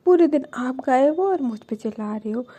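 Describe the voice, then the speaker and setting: A woman's voice: sits high, expressive, moderate pace, dark tone, breathy edge. A woman voicing a sulky young woman who complains defensively in a told love story.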